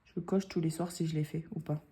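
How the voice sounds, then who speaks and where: A woman's voice: deep voice, fairly even intonation, brisk, dark tone, slightly rough. A woman, chatting casually in a vlog, rambling with many hesitations. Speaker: budgeting vlogger. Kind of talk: casual chat.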